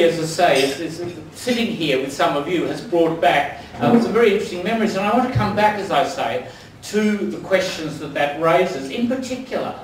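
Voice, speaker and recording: An older Australian man gives a wry, anecdotal after-dinner speech full of ums in a large dining room. His voice sits high, and a faint hiss or hum is audible. The distant mic picks him up from far off in an echoey hall.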